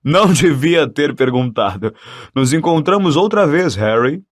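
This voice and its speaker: A man's voice: animated, moderate pace. Guy reading a pompous show-off professor, jolly and patronizing, big swoopy delivery. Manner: booming, patronizing, self-important. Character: vain jovial pompous male professor. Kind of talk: audiobook character voice.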